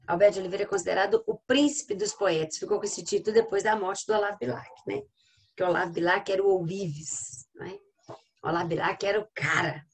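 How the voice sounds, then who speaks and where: A woman's voice: mid-range voice, slight background noise. A woman with a Brazilian accent giving a literature lecture to her class, explaining and often checking in with questions. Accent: Brazilian Portuguese. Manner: reads poems aloud slowly. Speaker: literature teacher. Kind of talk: classroom lecture over slides.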